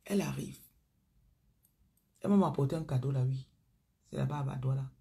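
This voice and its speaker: A woman's voice: extremely low pitch, fairly quick, vocal fry, dark tone, slightly rough. A woman with a Cameroonian accent preaching on a live stream, chatting with viewers by name and often dropping into murmurs and whispers. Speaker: spiritual coach on a live stream. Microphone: phone.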